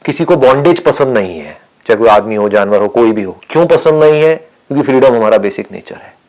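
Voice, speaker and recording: A man giving a calm spiritual discourse, speaking softly and often sinking to a whisper, asking and answering his own questions. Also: medium pitch, fairly quick, rough recording. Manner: calm, soft-spoken, often dropping to a whisper. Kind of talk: spiritual discourse mixing Hindi and English.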